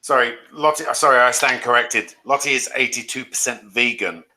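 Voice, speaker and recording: Blunt sweary woman, bright forceful voice, teasing friend. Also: rumbling low, brisk. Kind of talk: casual chat among friends.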